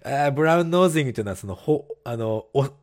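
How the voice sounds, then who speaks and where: A man's voice: mid-range voice, expressive, very fast. A man co-hosting a casual podcast, reading listener letters, laughing often and explaining English phrases. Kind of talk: casual bilingual chat.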